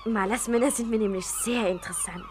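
A woman's voice: fairly high pitch, a little fast, a little mellow, slight background noise, close to an everyday voice. A woman as a cheeky, teasing young woman. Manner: playful, teasing, coquettish. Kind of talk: German radio play acting.

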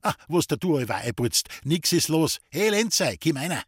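A man voicing a gruff older forester who grumbles and barks questions. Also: on the high side, big pitch swings, moderate pace, dry recording, clean studio sound, voice pushed up. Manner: brusque, grumbling.

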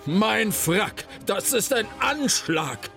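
A man's voice: high voice, very animated, takes it slowly, creaky, music in the background, pitched above the performer's own voice, heavily acted. A man reading a children's story, voicing a vain, flamboyant male opera conductor in a theatrical, exclaiming manner. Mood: aghast.

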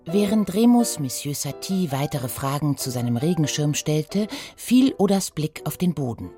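A woman narrating a children's detective story in a lively storytelling manner, close and dry. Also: low voice, normal speed, music in the background.

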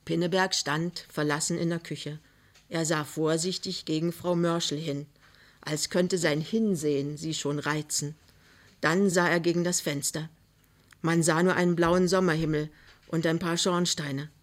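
A woman narrating a novel for radio in a measured, expressive way. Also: low-pitched. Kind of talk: literary reading for radio.

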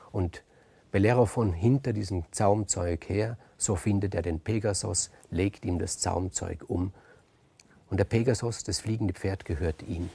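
A man freely retelling a myth in a lively, conversational way, with asides. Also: on the low side, creaky, slightly rough. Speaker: storyteller. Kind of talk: free oral retelling of a myth.

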